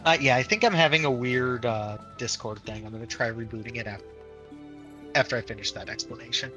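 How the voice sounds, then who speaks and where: A man's voice: mid-range voice, brisk, sharp tone, faint music behind. A man leading a game raid over voice chat, explaining patiently and restarting phrases, while his bad connection makes his voice drop out. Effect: voice chat cutting out from a bad connection. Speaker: raid leader. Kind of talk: casual voice chat instruction.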